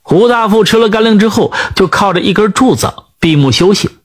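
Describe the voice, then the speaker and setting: A man narrating a folk tale in an expressive, animated storytelling manner. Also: sits high, brisk.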